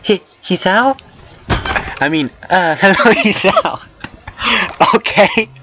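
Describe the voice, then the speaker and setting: A man's voice: high voice, expressive, slow, background noise, pitched above the performer's own voice. A man voicing a shy, easily startled teenage girl who stammers and hesitates in a visual novel game. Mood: flustered.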